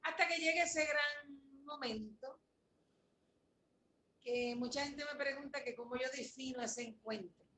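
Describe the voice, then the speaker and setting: A woman in her forties tells an emotional story as an interview guest, her voice high and bright. She talks in an animated way and repeats phrases for emphasis. The room is echoey, with a faint hiss of noise behind her. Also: measured pace.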